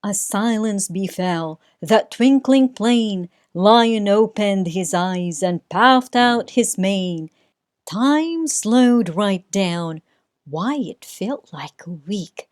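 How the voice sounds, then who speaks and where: A woman reading a rhyming children's story aloud in a sing-song way, with dramatic pauses. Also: mid-range voice, no room sound, studio quality. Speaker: storybook reader. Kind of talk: children's read-aloud narration.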